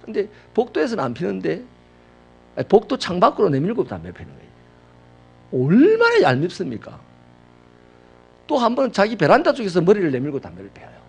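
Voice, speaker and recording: A male pastor preaching a sermon, telling personal stories dramatically, swinging from loud outbursts to hushed asides. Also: sits high, wildly swooping pitch, fairly quick, vocal fry, long pauses, husky.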